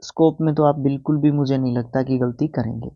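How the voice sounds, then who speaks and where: A man's voice: mid-range voice, steady tone, a little fast, vocal fry. A young man teaching a casual exam-prep lesson. He spells words out letter by letter and keeps checking in with his listeners. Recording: dull lo-fi.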